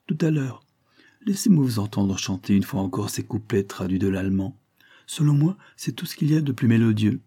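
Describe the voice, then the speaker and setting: A man voicing a calm, conciliatory gentleman husband in an audiobook. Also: lowish voice, a little fast, breathy edge.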